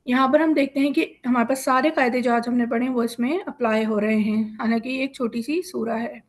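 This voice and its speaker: A woman with a slightly raised voice leads a Quran reading class, pronouncing each syllable slowly and clearly. She explains each rule patiently and step by step, as if speaking over a video call. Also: on the high side, fairly even intonation. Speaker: Quran teacher. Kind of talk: slow syllable-by-syllable drilling lesson.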